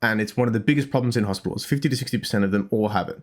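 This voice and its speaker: This young Australian man hosts a dietitian podcast, chatting casually about health. His lowish voice comes rapid-fire as he rambles, restarts often, and tosses in self-deprecating asides.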